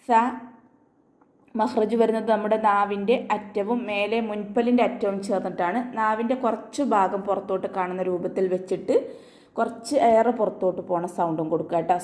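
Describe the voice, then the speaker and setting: Woman recitation teacher, online class; patient, step-by-step, gentle reminders; mid-pitched voice.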